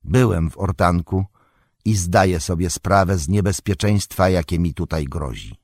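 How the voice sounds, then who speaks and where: A man's voice: low-pitched, moderate pace, no echo, clean studio sound. A man voicing a stern old wizard, commanding. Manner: forceful, commanding calls.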